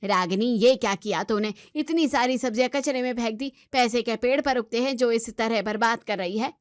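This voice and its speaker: A woman's voice: a little high, brisk, no room sound, lightly acted. Scolding cartoon mother-in-law, voiced by a woman, stern, complaining, dry close sound.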